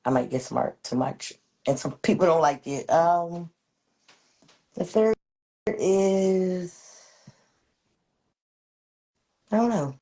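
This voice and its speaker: A woman in her thirties answering a dating show host's questions, halting and hesitant, often pausing on an um. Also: on the low side, mellow. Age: 30s. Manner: hesitant, halting, many ums. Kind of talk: casual interview answers.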